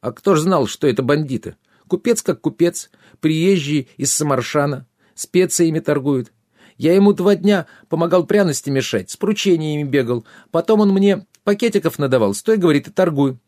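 A man's voice: a little high, animated, moderate pace, a little mellow, no echo, clean studio sound, voice pushed up, lightly acted. A man voicing a frightened young runaway squire, whiny and pleading.

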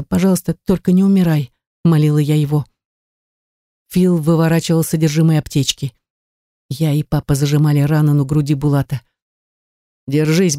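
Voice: mid-range voice, warm tone, no room sound, studio quality. An audiobook narrator reading a first-person story with dramatic, emotive delivery. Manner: dramatic, emotive, rises to cries in quoted lines.

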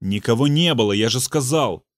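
A man voicing a shaken, irritated husband who snaps back curtly, close to shouting. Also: mid-range voice, animated, normal speed, no room sound, natural voice. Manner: irritated, snapping.

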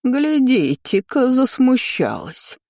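A reader voicing a meddling old woman ghost in an audiobook, scolding in slow, drawn-out, shrill words. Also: expressive, darkish tone, no room sound, studio quality. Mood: mocking. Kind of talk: audiobook role reading.

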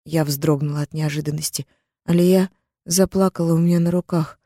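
A woman reads a first-person story aloud in a mellow, warm, darkish voice. Her steady, tense delivery sits close and dry in the recording, typical of a studio audiobook narration. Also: deep voice, normal speed, no echo.

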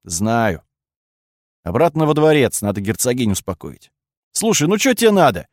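A man's voice: mid-range voice, huge pitch swings, normal speed, no echo, studio quality. A man voicing a wry, unflappable young male mage hero who talks in an offhand, conciliatory way.

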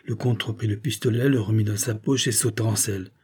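A man narrating a classic French novel as an audiobook, in a measured, dramatic storytelling manner. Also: on the low side, fairly even intonation, a little mellow, slightly rough.

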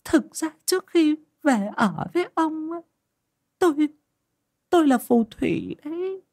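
A woman's voice: sits high, sing-song, measured pace, a little mellow, voice pushed up, full character voice. A man voicing an older village wife who was once a shaman, crying and pleading in a choked voice. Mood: tearful confession.

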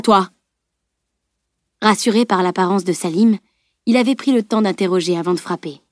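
A woman narrating an audiobook in an even, measured storytelling manner. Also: mid-range voice, dry recording, studio quality.

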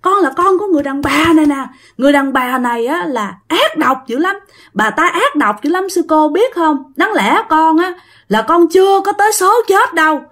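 A woman's voice: sits high, sing-song, normal speed, fairly bright tone, voice pushed up. A woman voicing the wailing ghost of a murdered small child who is pleading and accusing, in a Southern Vietnamese accent. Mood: bitter accusing.

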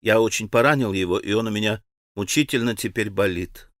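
A man voicing a gentle, mild young man who speaks quietly and politely. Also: lowish voice, brisk, no room sound, clean studio sound, close to an everyday voice.

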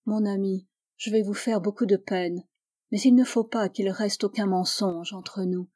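A woman's voice: mid-range voice, steady tone, unhurried, mellow, lightly acted. A woman voicing an anguished, fervent young woman who was once blind, speaking with pleading intensity that rises to vehemence, in an audiobook. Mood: confessing.

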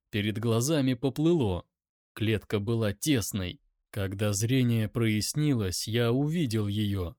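A man's voice: mid-range voice, darkish tone, no room sound, clean studio sound. A man reading first-person audiobook narration in a tense, dramatic way.

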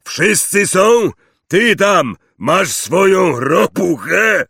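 A man's voice: high-pitched, lively intonation, slow, pushed and bright, no room sound, clean studio sound, recorded from a distance, pitched above the performer's own voice, exaggerated voice. A man voicing a huge, hearty male half-giant gamekeeper who bellows orders to a crowd of children. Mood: booming, calling out.

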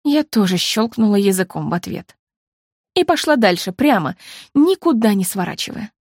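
A woman reading a first-person audiobook in a steady, measured storytelling manner. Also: mid-range voice, slightly rough, no room sound, clean studio sound. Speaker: narrator.

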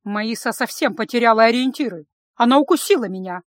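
A woman's voice: medium pitch, lively intonation, normal speed, no room sound, lightly acted. A woman reading an audiobook, voicing a jealous, haughty female snake-woman who speaks with scorn and threats. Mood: shrill anger. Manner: scornful and threatening, hissing warnings. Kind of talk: audiobook character voice.

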